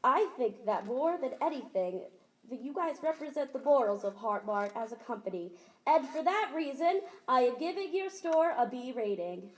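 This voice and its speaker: A woman playing a lively corporate inspector. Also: high voice, normal speed, poor audio. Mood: formal. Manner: formal, lively, speechmaking. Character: brisk female corporate store inspector. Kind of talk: student stage play.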